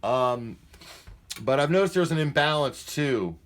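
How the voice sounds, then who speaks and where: Demonstrating a used tape deck off the cuff, this man has a medium-pitched, expressive voice and a measured pace. His manner is plain, candid and a bit hesitant, against a noisy background where music from the deck sometimes plays.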